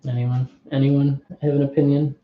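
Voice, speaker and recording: A man's voice: mid-range voice, little pitch movement, normal speed. A man playing a board game on stream, thinking aloud, reading rules off the cards and asking his viewers for opinions. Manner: thinks aloud, reads card text, asks unseen viewers. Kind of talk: casual play-through commentary. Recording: muffled, echoey room.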